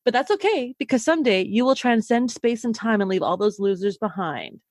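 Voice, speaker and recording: A woman's voice: on the high side, animated, brisk, a little mellow, dry recording, clean studio sound. Woman, podcast co-host, sarcastic, swearing, slight lisp, bouncy intonation. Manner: swears a lot, jokey and sarcastic. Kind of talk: casual chat, reading episode synopsis.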